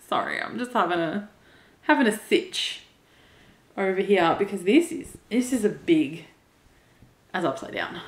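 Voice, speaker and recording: A woman's voice: medium pitch, expressive, a little slow, pauses often. Gushing woman in an echoey room. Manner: gushing, emotional, laughs often. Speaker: cross stitch vlogger. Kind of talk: casual unboxing chat.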